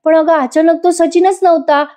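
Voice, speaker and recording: A woman's voice: extremely high pitch, fairly even intonation, normal speed, warm tone, voice pushed up. A woman voicing a distraught young pregnant woman who speaks through tears and insists she is right. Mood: tearful. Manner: insistent, pleading. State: tearful.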